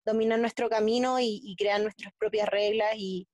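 A Chilean woman speaking as an interview guest, in a halting way with many restarts and fillers. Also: mid-range voice, steady tone, darkish tone, no room sound. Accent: Chilean Spanish. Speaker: guest athlete. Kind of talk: casual interview talk.

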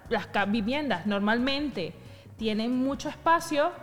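Woman, podcast co-host, bossy teasing banter, high voice, roomy echo. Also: lively intonation, measured pace, soft background music. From Venezuela. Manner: bossy, teasing, laughs often.

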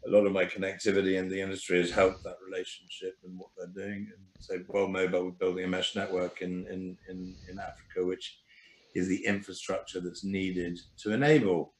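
Podcast guest: man, very low monotone voice, rambling with fillers, roomy echo. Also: a little fast, slight background noise. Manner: rambling, many fillers and restarts. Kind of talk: casual interview talk.

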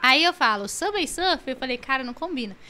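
A woman streamer in casual podcast chat, talking very fast with hyper, excitable energy. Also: sits high.

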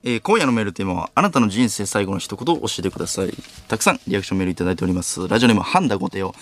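A man in his twenties with a Kansai accent, hosting a late-night radio show alone, reading listener mail rapid-fire and snapping back sharp comic retorts. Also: lowish voice, animated. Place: radio studio. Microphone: studio microphone.

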